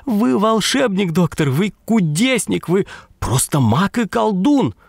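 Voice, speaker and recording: A man's voice: big pitch swings, slow, vocal fry, no room sound, clean studio sound, full character voice. A man voicing a frantic woman caller who gushes breathlessly down the phone. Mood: gushing. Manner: breathless, shrill gushing.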